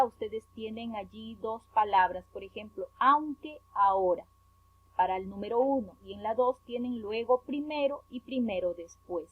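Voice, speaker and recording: This fairly high-pitched female teacher from Peru explains a worksheet to a remote primary class, emphasizing every syllable while spelling words out. There's no room sound, and the audio has a tinny, telephone quality.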